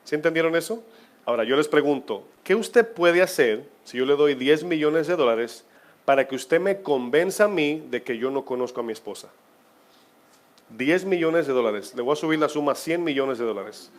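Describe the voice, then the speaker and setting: Spanish-speaking preacher with swinging emphasis. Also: male voice, a little high, animated. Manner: preaching with rhetorical questions to the congregation; swings between loud emphasis and quiet, drawn-out phrases. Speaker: pastor. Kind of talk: sermon.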